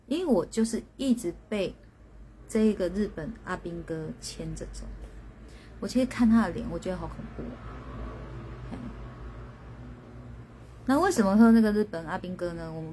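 A woman's voice: medium pitch, normal speed, pauses often, warm tone, a little hiss or hum. A woman, a spirit medium hosting a casual live stream, telling a story and reading out viewers' guesses with lots of laughter.

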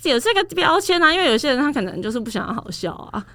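A woman's voice: high-pitched, sing-song, racing, a bit bright, no echo. Taiwanese woman's voice, dry close recording. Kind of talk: casual chat.

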